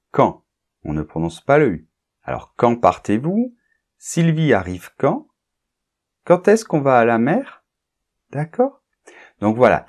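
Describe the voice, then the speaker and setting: A man's voice: mid-range voice, a little mellow. A man teaching a French grammar lesson. He talks straight to one learner, reads example sentences aloud and often checks that they follow. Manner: patient, often checks understanding with "d'accord?".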